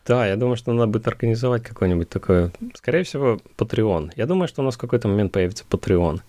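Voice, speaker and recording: A man with a lowish voice chatting on a podcast, calm and explanatory, wandering from point to point. The sound is dry and close, with no room around it. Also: fast talker, no echo. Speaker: podcast co-host. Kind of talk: casual podcast chat.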